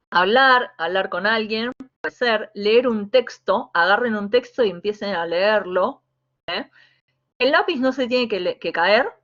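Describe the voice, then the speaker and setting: A woman with a Rioplatense Spanish accent, teaching a voice workshop as a coach, talking in a lively, demonstrative way with many fillers and restarts. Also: medium pitch, muffled recording. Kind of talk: online workshop lesson. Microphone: video call.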